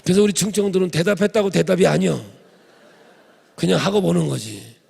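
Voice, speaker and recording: A man from preaches a revival sermon, his voice rough and gravelly with a husky edge. He sits a little high for a man and keeps turning to the congregation with jokes and asides. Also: brisk, a little mellow. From Chungcheong Province, Korea. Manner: humorous, addresses congregation directly. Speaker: pastor.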